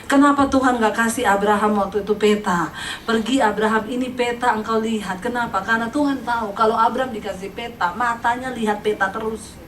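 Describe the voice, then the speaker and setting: High-voiced joking woman preacher. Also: a little hiss or hum. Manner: lively and joking, with sudden sung lines. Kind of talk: sermon. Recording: echoey hall, distant mic.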